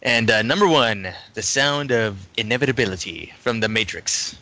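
A man co-hosting a casual podcast, reading out a listener list and joking with deadpan delivery. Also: mid-range voice, moderate pace. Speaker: podcast co-host. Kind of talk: casual chat. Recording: dry, dull lo-fi audio.

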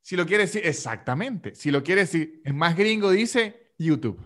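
A man with a Venezuelan Spanish accent hosts a casual podcast chat. His voice sits a little high, and he jokes around and toys with pronunciations. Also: moderate pace. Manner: joking, animated, plays with pronunciations. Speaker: podcast host.

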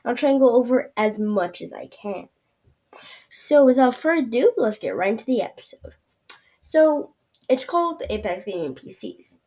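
A woman with a fairly high, dark, sing-song voice at a moderate pace hosts her own show, rambling through a screen-share review with many fillers and trailing "yeah"s.

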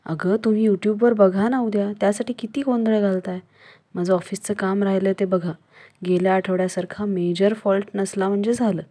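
In a storybook reading, a woman speaks as a calm middle-aged father with a mellow, warm tone. He talks in a relaxed, patient way, gently teasing his family. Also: medium pitch, moderate pace, close to an everyday voice. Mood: mildly annoyed. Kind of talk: storybook narration.

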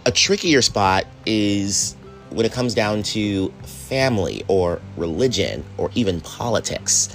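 Low-voiced man musing casually. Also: expressive, a little slow, soft background music. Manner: rambling, self-deprecating asides with casual swearing. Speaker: podcast host. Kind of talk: casual reflective monologue.

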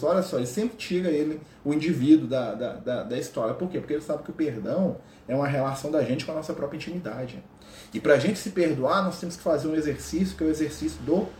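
A man's voice: a little high, a little mellow, slight background noise. A man with a Brazilian Portuguese accent giving an informal spiritual talk at home, conversational and often checking in with his listeners. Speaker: spiritual teacher. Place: at home, with a pet cat. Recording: roomy echo.

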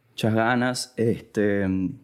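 A man with a Venezuelan accent hosting a casual comic monologue, animated and acting out little quoted exchanges, now and then breaking into loud outbursts. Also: lowish voice, smooth. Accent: Venezuelan Spanish. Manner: acts out dialogue in quick quotes. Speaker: podcast host.

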